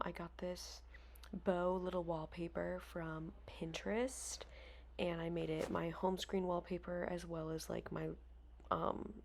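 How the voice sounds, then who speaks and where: A woman's voice: lowish voice, gravelly, a little hiss or hum. A young woman vlogging casually at home, rambling with lots of "like" and "um" fillers. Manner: hushed voice-over stretches. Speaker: lifestyle vlogger. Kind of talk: casual reset vlog chat. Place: apartment, dryer rumbling behind.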